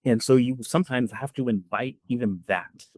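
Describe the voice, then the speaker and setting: A man's voice: medium pitch, moderate pace, a little mellow, no room sound. A man who is a podcast guest, explaining ideas earnestly through stories in a conversational interview, close to the mic. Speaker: guest speaker, debriefer of fieldworkers.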